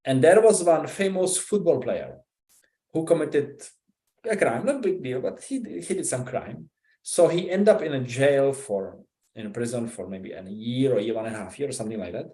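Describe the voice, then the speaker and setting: A man from the Republic, giving an informal scripture talk in a halting, conversational way, often checking in with "right?". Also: mid-range voice, expressive, warm tone. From Czech Republic. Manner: conversational, halting, with frequent 'right?' and 'you know?'. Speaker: visiting speaker giving a scripture class. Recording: roomy echo.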